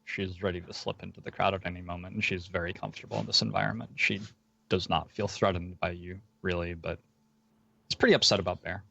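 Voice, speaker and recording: A low-voiced man narrates as game master of a tabletop session. He pauses often with fillers and slows down for scene descriptions. His voice is dry and close, with dull, lo-fi sound. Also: steady tone, vocal fry, pushed and bright, no room sound. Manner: hesitant, filler-heavy narration with slowed descriptive passages.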